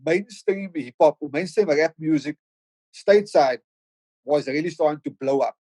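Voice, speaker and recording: A middle-aged podcast guest, a rapper and producer from the Cape Flats in Cape Town, South Africa, speaks with a Cape Town accent in a fairly high, mellow voice at normal speed. He reflects casually with many stammered restarts, and the recording has no room sound.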